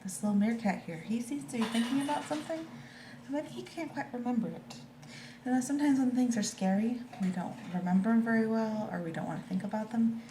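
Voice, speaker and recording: A woman with a fairly high voice reads a picture book aloud to children at a slightly quick pace, stopping to explain things informally in simple words aimed at kids. The room is echoey, and background noise is clearly audible.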